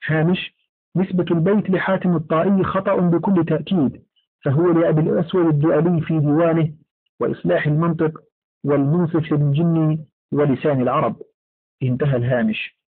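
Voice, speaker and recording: A man reading a classical text aloud in a formal, measured way, with careful enunciation and recited verse lines. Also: fairly high pitch, fairly even intonation, breathy edge. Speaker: audiobook reader. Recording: narrow phone-like lo-fi sound.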